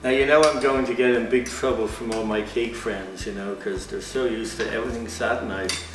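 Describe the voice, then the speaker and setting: A man's voice: medium pitch, fairly even intonation, a little fast. A man co-hosting a cooking show, chatting in a playful put-on Irish brogue. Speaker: co-host. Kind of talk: casual chat. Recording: echoey room with music.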